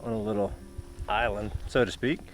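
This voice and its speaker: A man's voice: on the low side, steady tone, normal speed, over music, poor audio. A man, casually hosting an outdoor vlog at a campsite, chatting to the camera and friends. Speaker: vlog host.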